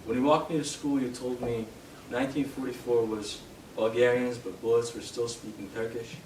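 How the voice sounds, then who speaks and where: A young man from Canada giving a live poetry reading in a bookshop, hesitant with fillers between poems and steady in his verse. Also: medium pitch, normal speed. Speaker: poet. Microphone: distant from the mic. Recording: roomy, distant, noisy live room sound.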